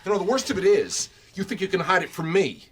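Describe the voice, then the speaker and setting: A man's voice: sits high, lively intonation, quick pace, breathy edge. A stern, reproachful man running a film set. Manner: firm and reproachful. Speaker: actor. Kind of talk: film drama acting.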